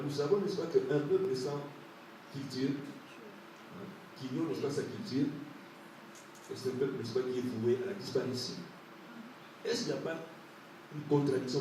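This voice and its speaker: A man from Africa making halting debate remarks at a conference, often adding tag questions as he talks. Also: mid-range voice. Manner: halting, frequent "n'est-ce pas" tags. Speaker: debate participant. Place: conference hall. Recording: echoey hall, distant mic, noisy.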